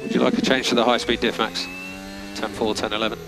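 Quick and creaky, a lowish male voice comes through team radio from a race engineer. He rattles off brief, factual instructions and timing figures while motor racing noise and vehicle sound crowd the transmission.

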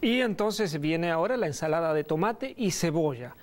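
A middle-aged man presenting a recipe on a studio kitchen set, relaxed and pausing often with fillers. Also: a little high. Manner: relaxed, hesitant with many fillers. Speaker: cooking show host. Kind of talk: cooking demonstration.

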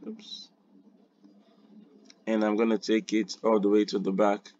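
A man hosting a screen-recorded design tutorial, unhurried and thinking aloud with quiet muttered asides. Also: on the low side, level tone, no room sound, lo-fi sound.

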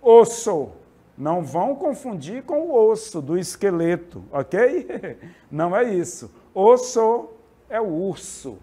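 A man from Brazil teaching Spanish vocabulary in a classroom lesson, lively and often asking the class for agreement. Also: sits high, measured pace, slightly rough.

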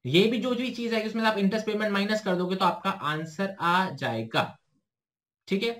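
A young Indian man teaching an exam-prep lesson, explaining briskly, asking himself questions and answering them, and reading the English question text slowly. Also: high voice, a bit bright.

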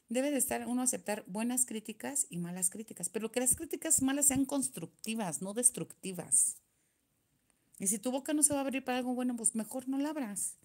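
A woman's voice: a little high, mellow. A young woman with a Mexican Spanish accent, chatting live with her viewers and venting about comments in a casual, talkative way. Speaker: nail vlogger reading live chat.

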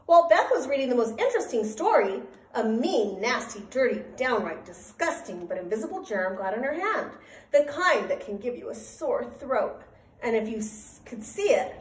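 A woman reading a children's storybook aloud as a teacher, in an expressive, emphatic, sing-song way. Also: medium pitch. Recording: roomy echo, voice from a distance.

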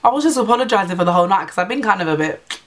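Young woman, casual storytime chat, lots of "like", slightly low voice. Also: rapid-fire. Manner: chatty, animated retelling with filler "like" and "blah blah". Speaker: vlogger.

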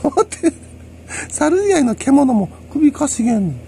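A man with a Kansai accent rambles through a solo monologue, lecturing and chuckling to himself. His voice is gravelly and dark, with pitch that leaps around. Faint noise sits under the recording. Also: very animated, moderate pace. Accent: Kansai Japanese. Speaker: solo commentator.

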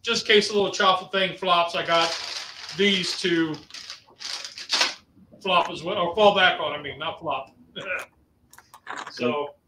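A man's voice: high-pitched, slow, pauses often, echoey room, background noise. A man on a landline phone, co-hosting a live cooking stream in easygoing, rambling chat. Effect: over a landline phone.

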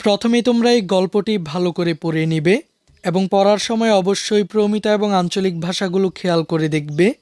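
A man explains a school lesson to students in a calm, steady way. His voice sits high and comes through smooth and clear. The sound is dry and close to the mic. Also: normal speed, no room sound. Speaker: teacher.

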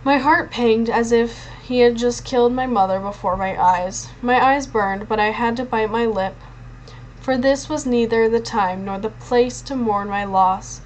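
A woman's voice: on the high side, a little slow, slight background noise, low-quality recording. A woman reading a novel aloud in the first person, with frequent slips and restarts. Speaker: reader.

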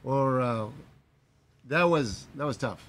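A man in his forties from Morocco, a running coach, speaking in a halting, filler-heavy way into a handheld mic outdoors on a patio. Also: medium pitch, fairly bright tone. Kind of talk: casual interview.

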